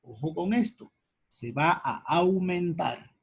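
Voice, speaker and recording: A man teaching a grammar lesson at a board, spelling out letters and repeating key words deliberately. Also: fairly high pitch, expressive, creaky, breathy edge, highs cut off.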